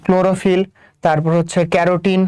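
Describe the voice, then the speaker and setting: A man's voice: sits high, little pitch movement, fast, a little mellow, clean tone, no room sound. A young man from Bangladesh with a Bangladeshi Bengali accent, teaching a biology exam-prep lesson, repeating points and quizzing students with rhetorical questions. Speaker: biology tutor.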